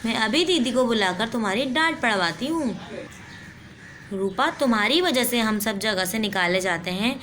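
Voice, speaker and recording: A woman's voice: a little high, expressive, normal speed, fairly bright tone, a little hiss or hum. A woman voicing a bossy little girl in a doll play story who scolds and threatens to tell on her friend. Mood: annoyed.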